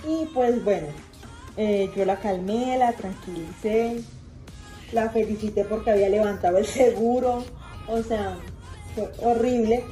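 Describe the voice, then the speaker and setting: A woman's voice: medium pitch, fairly even intonation, a little slow, dark tone, soft background music, rough recording. A woman, a mother, telling a family story in a casual, chatty way, repeating herself with lots of fillers. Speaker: mother vlogger.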